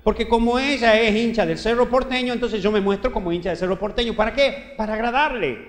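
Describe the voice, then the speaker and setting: A Paraguayan priest giving a homily reflection, speaking colloquially to the listener and acting out quoted dialogue. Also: male voice, high voice, quick pace. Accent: Paraguayan Spanish. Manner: animated, acts out quoted dialogue; colloquial, addresses listener directly. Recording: roomy hall reverb, faint music.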